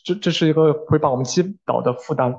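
A man interpreting a sermon live, with fillers and quick self-corrections. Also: on the high side, creaky, darkish tone, lo-fi sound.

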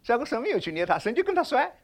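A man preaching a sermon, asking the congregation questions, swinging between loud exclamations and hushed asides. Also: very high-pitched, very fast. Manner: animated, rhetorical questions to the congregation.

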